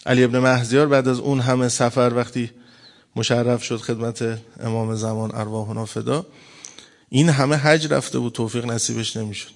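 Male preacher, storytelling sermon, acts out dialogue, emphatic peaks, mid-range pitch. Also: level tone. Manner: acts out quoted dialogue, rising to emphatic bursts.

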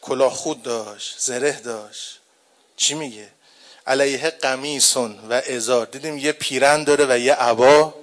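A man preaching a mourning sermon, moving from quiet storytelling to loud, grieving lament, and reciting passages in slow chanted lines. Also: medium pitch.

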